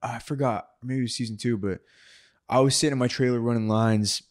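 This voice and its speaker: A man's voice: medium pitch, fairly even intonation, a little fast. A young man hosting a podcast, chatting loosely with a guest and laughing often, full of slang like "bro" and "dude". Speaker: podcast host. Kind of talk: casual chat.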